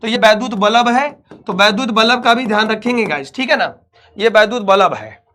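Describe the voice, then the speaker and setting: A man's voice: high-pitched, fairly quick, pushed and bright. A young man, teaching an online physics class in a chatty, reassuring way and calling the students his dear children.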